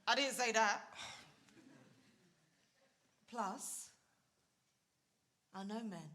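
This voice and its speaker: A woman's voice: on the high side, very slow, sharp tone, full character voice. An actress playing a witty young woman being wooed on stage, speaking in a wry, self-assured way. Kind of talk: staged theatre performance.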